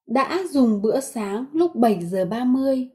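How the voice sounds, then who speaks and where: A woman reading translations of short phrases in an even, plain manner. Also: fairly high pitch, normal speed, slightly rough. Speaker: Vietnamese translation reader.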